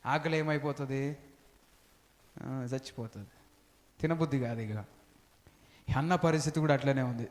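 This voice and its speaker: A man's voice: medium pitch, normal speed, pauses often. A male pastor preaching a sermon, repeating his phrases and calling out hallelujah. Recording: long hall reverb.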